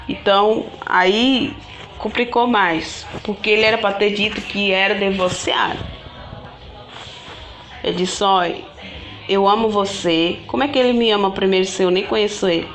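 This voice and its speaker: Rambling woman telling her story. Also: medium pitch. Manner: rambling and repetitive, often restarting and addressing viewers directly. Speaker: vlogger. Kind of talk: casual personal storytelling to viewers.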